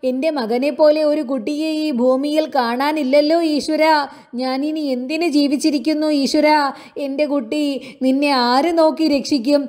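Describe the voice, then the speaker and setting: A woman's voice: high-pitched, steady tone, moderate pace, darkish tone, natural voice. Woman voicing a wailing grieving older mother. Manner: wailing, lamenting cries.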